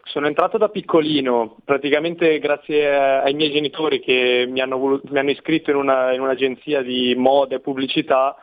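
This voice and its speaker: A man's voice: mid-range voice, steady tone, fairly quick, few pauses. A man in his late teens giving casual interview answers over a phone call. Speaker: fashion model, interview guest. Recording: muffled tinny phone line.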